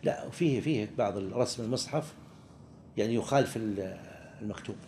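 Halting teacher, man. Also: fairly low pitch, mellow, slight background noise. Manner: halting, with frequent restarts and pauses. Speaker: religious teacher. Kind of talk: explaining a legal text to students.

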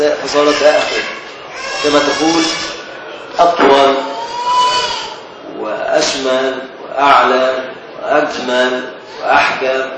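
A man with an Egyptian accent teaching a classical text as a sheikh, explaining slowly, repeating key words and questioning his students. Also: mid-range voice. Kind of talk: Islamic scholarly lesson. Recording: echoey distant recording with noise.

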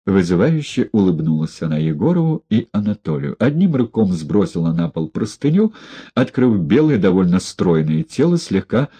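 A man narrating a story in a low, dark voice with a husky grain. His pitch moves in a lively way as he tells it. The pace is measured and steady. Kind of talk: audiobook narration.

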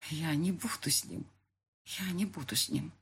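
A woman reading an audiobook, voicing a distraught young heroine in a husky, pleading voice. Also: on the low side, expressive, unhurried, heavily acted. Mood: tearful. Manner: pleading, tearful.

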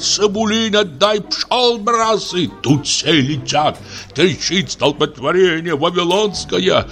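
A pompous old sea captain, hard of hearing, booms out ship's commands, as a male reader plays him. The voice sits high and leaps up and down in pitch. A faint music bed runs underneath this audiobook play. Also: bright, forceful tone, full character voice. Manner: booming sea commands, mishears everything. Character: deaf old retired navy captain, pompous.

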